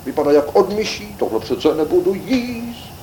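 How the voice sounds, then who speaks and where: A man voicing a fussy aunt in a storybook tale, shouting indignantly. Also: high voice, very animated, reverberant, background noise, pitched above the performer's own voice. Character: fussy shrill aunt, an older woman.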